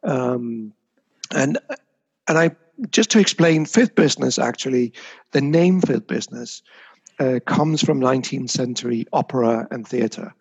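He's a communications consultant being interviewed casually, looking back on his career and restarting phrases often. His medium-pitched voice is lively in intonation yet a little slow, with a darkish tone and a breathy edge.

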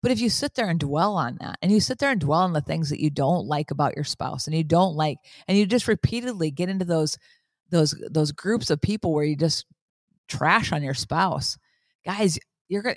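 Woman, 50s, podcast host; earnest faith pep talk, repetitive, pitch leaps on emphasis, dry close recording. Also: dry recording. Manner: earnest, preachy, repeats phrases, swings up in pitch when emphatic.

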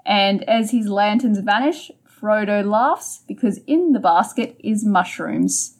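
A woman's voice: medium pitch, takes it slowly. A woman co-hosting a book podcast, steadily retelling the plot in a casual conversational way. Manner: steady storytelling, summarizing the plot. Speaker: podcast co-host.

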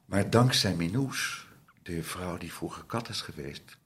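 Husky low-voiced man, chatty guest. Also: expressive, unhurried, a bit bright. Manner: chatty, with restarts. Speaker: guest, audiobook narrator. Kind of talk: casual interview chat.

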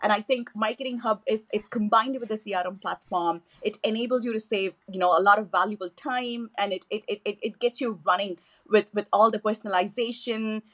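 Speaking briskly with few pauses, a woman with a medium-pitched, fairly bright voice appears as an eager podcast guest. She is from southern India with Tamil as her first language, and her enthusiastic answers are peppered with fillers and restarts.

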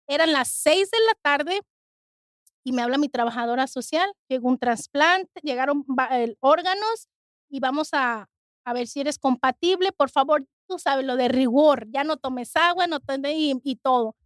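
Brief: earnest woman guest, high voice, halting testimony, dry close sound. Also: no room sound. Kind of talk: emotional personal testimony.

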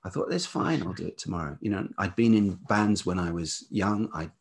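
A middle-aged Englishman from England, a writer and musician appearing as a podcast guest, speaks in a low, brisk, creaky, husky voice that is still velvety. He's reflective and hesitant, thoughtfully searching for words and repeating them as he goes.

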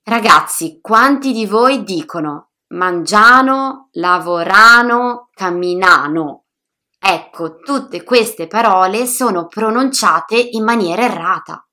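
A woman teaching pronunciation in a lively, upbeat scripted lesson, speaking directly to learners. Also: medium pitch, unhurried, few pauses. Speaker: Italian teacher.

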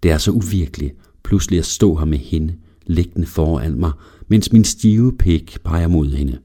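A man reading a scripted first-person erotic story aloud in a slow, even manner. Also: low-pitched. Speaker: narrator.

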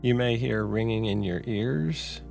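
A man giving a reflective guided mindfulness talk in a measured, unhurried way, with pauses between short phrases. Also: fairly low pitch, creaky, darkish tone, soft background music. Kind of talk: slow guided meditation, reflective talk on anxiety.

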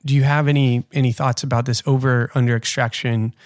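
A man's voice: medium pitch, level tone, fairly quick, dry recording, clean studio sound. A man hosting a coffee podcast, reading a scripted intro and then chatting casually with a guest. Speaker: podcast host.

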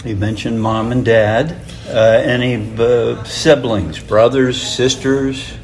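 A male host asks his questions slowly, in a halting way, with many uhs at a middle pitch. Faint music plays behind him. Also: steady tone. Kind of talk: casual interview.

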